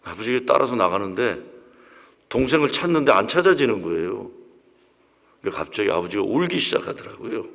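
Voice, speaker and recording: A man's voice: fairly low pitch, very animated, fairly quick, gravelly, fairly bright tone. A pastor in his sixties telling a personal story in a sermon, with emotional storytelling. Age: 60s. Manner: emotional storytelling, acts out quoted voices. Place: church sanctuary. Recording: long reverb of a church hall.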